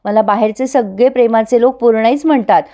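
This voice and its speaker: A woman's voice: fairly high pitch, fairly quick, mellow, lightly acted. A woman voicing a dignified elderly grandmother who heads the family. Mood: gracious. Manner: gracious, then firm.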